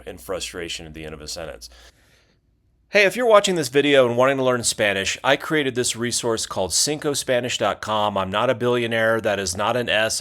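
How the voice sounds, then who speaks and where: A man's voice: fairly low pitch, a bit bright. A man hosting a casual language lesson video, talking loosely with lots of fillers, restarts and joking asides.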